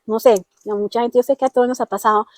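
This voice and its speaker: A woman's voice: fairly high pitch, steady tone, fast, no room sound. A woman with a Colombian accent giving an earnest personal testimony, often acting out the dialogue she quotes. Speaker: interviewee telling her testimony.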